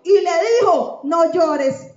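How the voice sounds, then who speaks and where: A woman's voice: extremely high pitch, slow. A woman pastor preaching a sermon with an emphatic, repetitive cadence. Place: church. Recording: echoey church room, dull lo-fi sound.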